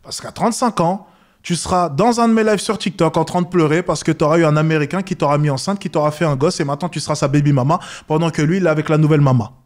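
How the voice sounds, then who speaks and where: A man giving scornful reaction commentary, lecturing and mocking the people in the clip. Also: quick pace. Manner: mocks others with high squeaky voices.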